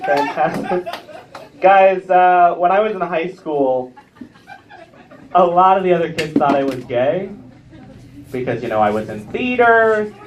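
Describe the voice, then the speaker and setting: A man's voice: high voice, expressive, measured pace, pauses often, noisy background. A man in his late twenties performing a live stand-up set, self-mocking and chatty with the crowd. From Ontario, Canada. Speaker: stand-up comedian. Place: comedy club stage with a live audience. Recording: distant, muffled club recording.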